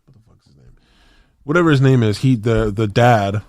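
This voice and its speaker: A man's voice: mid-range voice, moderate pace, darkish tone, no room sound, studio quality. A young man on a podcast, telling a story in rambling, slangy casual chat with lots of restarts. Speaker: podcast co-host.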